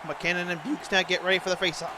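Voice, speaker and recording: A man's voice: high-pitched, level tone, rapid-fire, a crowd in the background, noisy background. A man doing amateur hockey play-by-play commentary for a video game in short clipped phrases, in the style of a sports announcer.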